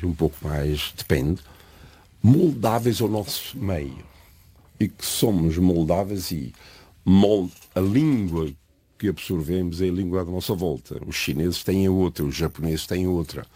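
An older man talks in a very deep, husky voice. He tells stories and lectures in a reflective, digressive way. The recording is dry and close. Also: dark tone, no echo. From Azores, São Miguel. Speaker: interview guest. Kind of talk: conversational storytelling interview.

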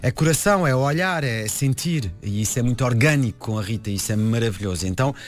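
A man's voice: mid-range voice, lively intonation, quick pace, faint music behind. A man born and raised in France, a film director speaking Portuguese as an in an interview, hesitant and full of restarts. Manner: hesitant, many restarts and repeated words. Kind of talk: conversational interview.

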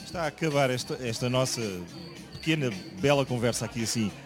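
A man with a European Portuguese accent interviewing a singer in a dressing room, pausing often and restarting his questions. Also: mid-range voice, music in the background. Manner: hesitant, many fillers and restarts.

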